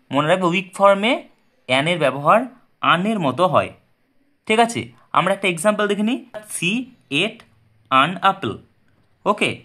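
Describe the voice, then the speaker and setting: Male teacher, slightly raised pitch, patient, walks through examples step by step. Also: bright, forceful tone. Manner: patient, repeats points and asks then answers his own questions. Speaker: English teacher. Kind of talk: explaining a lesson. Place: indoors at a desk with paper and pen.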